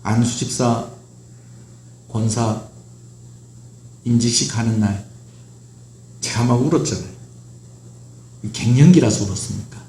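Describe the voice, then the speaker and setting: A man's voice: mid-range voice, a little slow, pauses often, mellow, slight background noise. A middle-aged man preaching a sermon as pastor, asking the congregation questions and answering them himself. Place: church sanctuary. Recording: roomy church echo.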